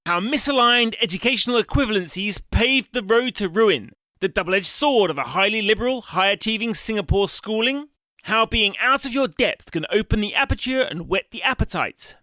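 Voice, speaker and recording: Bright high-voiced male podcast host. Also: no echo. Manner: wordy, playful phrasing. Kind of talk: scripted podcast intro.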